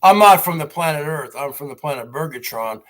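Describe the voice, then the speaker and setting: An American livestream host in his forties, from northern New Jersey, rants at a fairly quick pace, rambling and insistently repeating himself. His fairly high voice is expressive with a fairly bright tone.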